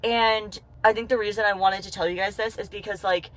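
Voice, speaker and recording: A young female fitness coach in her twenties vlogs to camera, out of breath after cardio, first in the gym and then outdoors by a road. Her medium-pitched voice is steady and fairly quick, and she chats candidly with plenty of fillers like "like." The recording quality is low.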